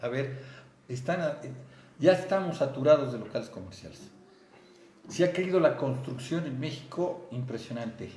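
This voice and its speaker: A man's voice: mid-range voice, animated, normal speed, a little mellow, echoey room, slight background noise. A man with a Mexican Spanish accent hosting a studio interview, chatty, cutting in and repeating words. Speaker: news show host.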